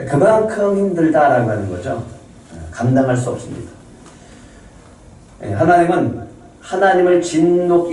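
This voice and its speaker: A man's voice: a little high, mellow. A man preaching a sermon as pastor, putting questions to the congregation and waiting for their answers. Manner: asks the congregation questions and waits for replies. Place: church sanctuary. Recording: very echoey room, distant mic, faint noise.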